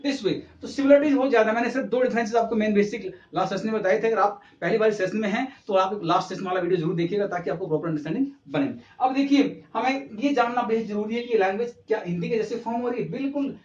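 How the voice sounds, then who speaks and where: High-voiced male teacher in an echoey room. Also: fast talker, few pauses. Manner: asks the class questions and answers them himself; mixes English terms into Hindi speech. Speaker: English teacher. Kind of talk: classroom lesson at a board. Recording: roomy, distant, slightly dull camera audio.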